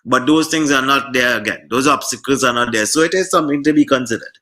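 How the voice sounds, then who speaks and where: Earnest Trinidadian man with bright voice. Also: mid-range voice. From Trinidad and Tobago. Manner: earnest, heartfelt, slightly halting. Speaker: guest. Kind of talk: casual political chat.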